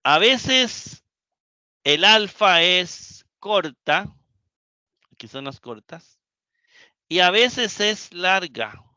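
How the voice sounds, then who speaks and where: A man's voice: sits high, big pitch swings, very slow, long pauses, bright, forceful tone, no echo, highs cut off. A man teaching Greek in a live class lecture. He repeats the key points and keeps asking the students questions.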